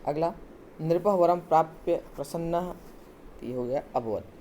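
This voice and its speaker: A male teacher explaining textbook exercises in a recorded class, patient and step by step, with hesitant pauses. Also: on the high side, warm tone, a little hiss or hum.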